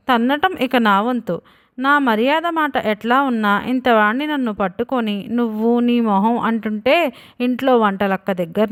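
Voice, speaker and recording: A woman's voice: on the high side, lightly acted. A woman voicing a cheeky schoolboy son in his father's body, who talks back defiantly and taunts.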